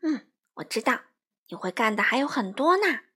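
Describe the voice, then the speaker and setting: A woman voicing a busy mother animal in a storybook, gentle and motherly in her praise. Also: on the high side, big pitch swings, moderate pace, slightly rough, heavily acted. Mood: praising.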